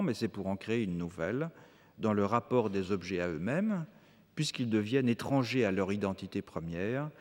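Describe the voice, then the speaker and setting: A man giving a formal academic lecture, reading long measured sentences with occasional hesitant fillers, before an audience in a lecture hall. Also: lowish voice, a little mellow.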